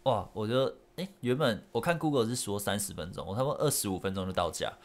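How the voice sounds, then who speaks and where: A man's voice: lowish voice, animated, quick pace. A young man with a Taiwanese Mandarin accent, chatting casually on his solo podcast in a rambling, self-correcting way. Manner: rambling, self-correcting storyteller with frequent laughs. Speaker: podcast host.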